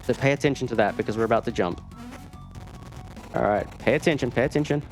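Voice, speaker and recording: A man talks fast in a medium-pitched voice, giving off-the-cuff live commentary while playing a video game at a streamed gaming marathon. Game music runs in the background as he makes wry asides and abandons sentences midway.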